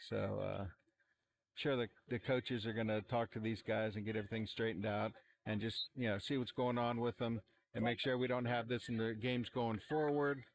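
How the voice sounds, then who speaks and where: A man calling a high school football game, relaxed and rambling with plenty of fillers. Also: normal speed. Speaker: play-by-play commentator. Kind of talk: amateur sports commentary. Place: outdoor football stadium sideline. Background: cheering fans.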